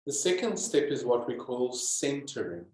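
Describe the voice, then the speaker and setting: Calm and deliberate, with many pauses, a medium-pitched man leads yoga instruction and guided meditation. The room gives the recording an echoey, spacious sound.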